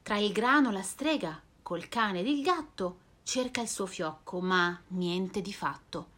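A woman reading a rhyming children's storybook aloud, expressive and sing-song. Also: medium pitch, unhurried.

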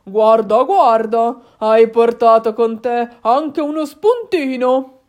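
A woman voicing a hearty father fox in a children's storybook, loud and boisterous. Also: on the high side, takes it slowly.

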